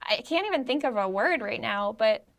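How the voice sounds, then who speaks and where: A woman's voice: fairly high pitch, animated, normal speed, gravelly, a bit bright. An American woman guesting on a casual podcast, thinking aloud and searching for words. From United States.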